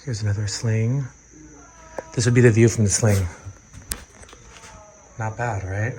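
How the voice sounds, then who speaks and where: A man's voice: on the low side, steady tone, a little slow, warm tone, slight background noise. A man giving a chatty, upbeat walking tour in the woods, filmed on a phone he holds as he goes. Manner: chatty, upbeat, lots of "like" fillers. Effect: filmed on a handheld phone. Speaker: travel vlogger. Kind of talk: casual vlog walk-through. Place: outdoors in woods. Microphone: phone held while walking.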